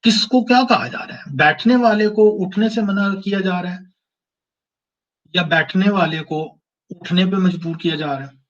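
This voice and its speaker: A man giving a recorded university lecture, explaining slowly and repeating phrases to make his point. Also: high voice, a bit bright, far from the mic, highs cut off.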